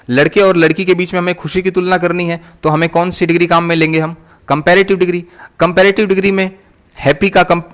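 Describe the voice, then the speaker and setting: A man's voice: a little high, fairly bright tone. A man giving an English grammar lecture in Hindi, repeating each point and answering his own questions. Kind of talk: recorded online lecture.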